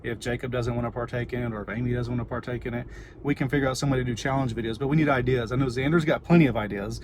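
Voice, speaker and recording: Texan man rambling over loud background noise. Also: medium pitch, steady tone, racing. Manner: rambling, informal. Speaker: vlogger and parent. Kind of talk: casual chatty livestream, answering viewers. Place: inside a car. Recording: noisy car with ambient background noise.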